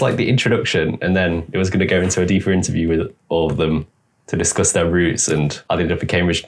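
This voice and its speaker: With a lowish, creaky voice, a young man runs a reaction video, sarcastically answering the clips with rapid asides in a casual tone.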